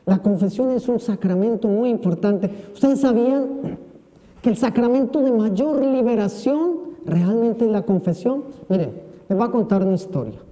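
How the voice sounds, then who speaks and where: A priest giving a homily during Mass, telling a humorous personal story and acting out the voices of the people in it. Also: male voice, high-pitched, warm tone, long reverb tail.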